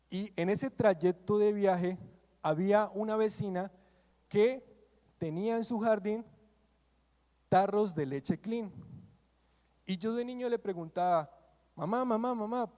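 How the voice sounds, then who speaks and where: Young male preacher from Colombia, high voice, mellow tone, call-and-response sermon in a church hall with long reverb. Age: 20s. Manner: call-and-response, asking the congregation to repeat and answer.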